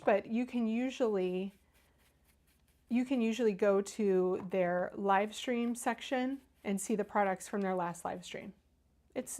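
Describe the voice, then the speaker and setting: Her pitch fairly high, this middle-aged Northern Kentucky woman demonstrates cardmaking in a casual live stream, answering the chat as she goes. She sounds chatty and eager, with a Midwestern American accent much like Ohio's, and talks throughout her work.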